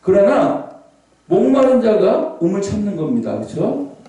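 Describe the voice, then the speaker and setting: Preaching at a revival, this man has a high-sitting, warm and mellow voice with a lively, swinging range and a measured pace. He occasionally bursts into shouted scripture cries, picked up from a distance in a big, echoing prayer hall.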